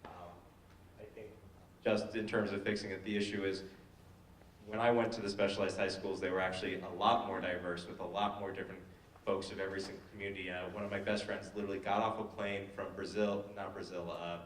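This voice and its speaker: A man's voice: deep voice, little pitch movement, fast talker, distant mic, a little hiss or hum. A man speaking on a panel discussion, hesitant with many fillers and restarts. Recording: echoey hall, voice from afar.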